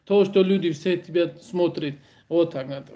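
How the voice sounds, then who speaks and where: High-voiced Tajik man, joking livestream chat. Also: normal speed, highs cut off, slight background noise. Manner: joking, speaks broken Russian in short repetitive bursts. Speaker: livestream host. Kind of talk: casual livestream chat with viewers.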